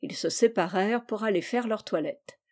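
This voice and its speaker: A woman reading a classic children's novel aloud with expressive, lively storytelling. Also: mid-range voice, normal speed. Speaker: reader.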